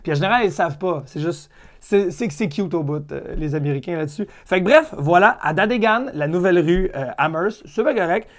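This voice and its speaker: A man's voice: sits high, animated, a little fast. A man with a Quebec French accent hosting a comedic podcast, chatty and irreverent, swearing casually with lots of fillers and restarts. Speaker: podcast host.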